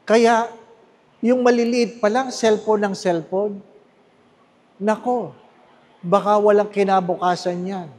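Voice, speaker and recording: A man's voice: high-pitched, steady tone, slow pace, pauses often, darkish tone. A Filipino priest giving a homily in a chatty, emphatic style, asking the congregation little questions and repeating his key phrases. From Philippines. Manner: conversational preaching with tag questions to the congregation. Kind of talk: sermon. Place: large church with long reverb. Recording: echoey church hall.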